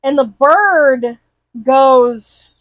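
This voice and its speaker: A woman's voice: high voice, extremely slow, no echo, poor audio. A woman in casual chat, animatedly retelling a cartoon and acting out the characters' lines. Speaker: podcast co-host.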